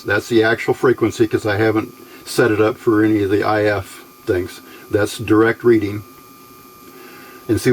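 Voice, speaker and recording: The recording is rough, but the man's fairly low, darkish voice comes through as he demonstrates electronics test equipment. He's a hobbyist giving a casual, unscripted hands-on demo, explaining each step in a plain, folksy manner.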